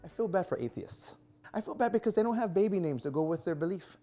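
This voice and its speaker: Animated man in his thirties doing stand-up. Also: high voice, fast, music in the background. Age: 30s. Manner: animated, self-mocking, acts out little scenes. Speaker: stand-up comedian. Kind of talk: stand-up comedy set. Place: small performance venue before a live audience.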